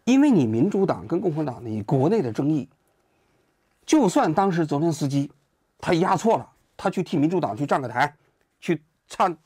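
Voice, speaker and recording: A man's voice: a little high, slightly rough, dry recording, clean studio sound. A man hosting his own political commentary show, talking casually and asking many rhetorical questions. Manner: animated, full of rhetorical questions.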